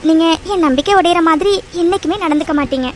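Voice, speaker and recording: A woman's voice: extremely high pitch, fast, slight background noise. A woman playing a soothing young cartoon wife. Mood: reassuring. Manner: soothing, reassuring. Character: loving, trusting young wife. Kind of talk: cartoon voice acting.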